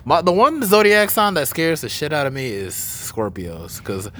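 A man's voice: a little high, huge pitch swings, normal speed, a bit bright, slight background noise. A man hosting a podcast, chatting casually in a slangy, easygoing way and laughing often. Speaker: podcast host. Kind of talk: casual chat.

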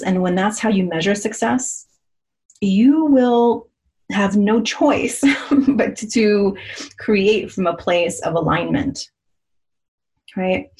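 A woman's voice: medium pitch, darkish tone. A woman in her forties hosting a casual motivational podcast as a coach, chatty and upbeat with frequent laughs.

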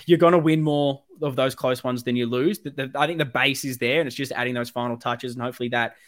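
A man's voice: medium pitch, fairly even intonation, quick pace, a bit bright. A man with a broad Australian accent hosting a football fan podcast, talking in an emphatic, rambling, sweary and passionate way. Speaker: podcast host.

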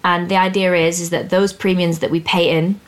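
A young woman hosts a casual finance podcast, breaking exam topics down in plain, upbeat talk. Her voice sits a little low. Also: level tone, normal speed. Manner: explains plainly, chatty and upbeat. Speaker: podcast host teaching finance exams.

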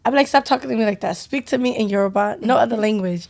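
A woman's voice: on the high side, fast talker, gravelly, a little mellow. Playful, brash woman co-hosting a podcast. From United States. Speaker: podcast co-host. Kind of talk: casual chat.

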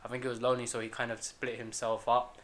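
Fast-talking man over audible hiss. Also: mid-range voice, monotone, a bit bright. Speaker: podcast co-host. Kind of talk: casual chat. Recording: clear background hiss.

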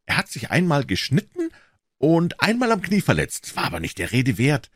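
A nervous, excitable young gentleman from an audiobook, pitched far above the reader's own deep voice. His lines come out eager and agitated, recorded close and dry. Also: normal speed, breathy edge, no echo, heavily acted. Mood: flustered.

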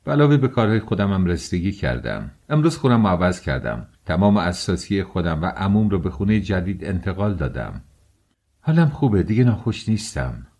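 A man's voice: deep voice, sing-song, a little mellow. A man voicing an eager, chatty young friend. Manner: eager, talkative, coaxing. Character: cheerful fussing young male friend.

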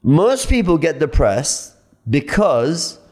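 A man in his late thirties arguing his point in a casual podcast chat, emphatic and animated, often repeating himself. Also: a little high, slow pace. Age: 30s. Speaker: podcast guest.

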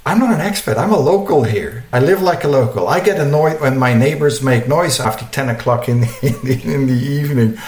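A man's voice: medium pitch, fairly quick, hardly any pauses, a little mellow, reverberant. A man with a Dutch accent, a podcast guest joking about food in self-mocking banter. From Netherlands. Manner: jokey, self-mocking, laughs often.

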